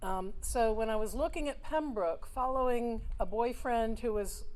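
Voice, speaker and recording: A woman's voice: a little high, normal speed, darkish tone, low-quality recording. A woman in her fifties who grew up in Switzerland, giving a rambling personal speech at a memorial with many "um" fillers. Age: 50s. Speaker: alumna speaker.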